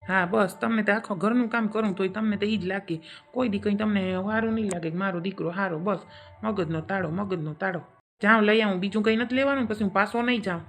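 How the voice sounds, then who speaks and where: A woman's voice: medium pitch, fast talker, soft background music, close to an everyday voice. Woman as a whining, put-upon son in a village comedy sketch. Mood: complaining. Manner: complaining, exasperated back-talk. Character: grumbling young married son, put-upon.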